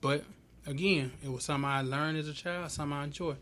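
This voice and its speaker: A man's voice: fairly high pitch, steady tone, fast talker, fairly bright tone, slight background noise. A man chatting casually and colloquially in a group discussion. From small town in Georgia, US. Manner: conversational, colloquial.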